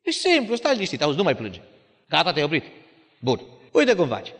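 A man's voice: on the high side, huge pitch swings, a bit bright, exaggerated voice. A patient mother coaxing her child, her voice rising and falling a great deal, as a male preacher acts her out. A long reverb trails each phrase. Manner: soothing, coaxing. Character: calm coaxing mother soothing her son.

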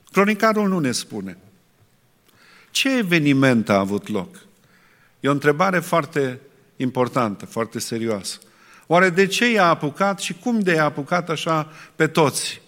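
A man preaching a sermon, asking rhetorical questions and pausing often to restart. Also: mid-range voice, a bit bright. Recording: long reverb in a hall.

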